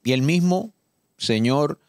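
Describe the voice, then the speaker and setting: On a studio talk show, a Dominican-accented man speaks indignantly and emphatically about politics in a voice on the high side, with lively intonation and a slightly mellow quality. The studio mic gives a dry recording, and he reads law text slowly and with care.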